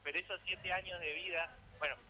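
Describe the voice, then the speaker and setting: A man's voice: sits high, fairly even intonation, a little fast, sharp tone, rough recording. A teenage man with an Argentine Spanish accent, a radio columnist chatting in a playful, teasing, theatrical way. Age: teens. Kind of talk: casual radio chat.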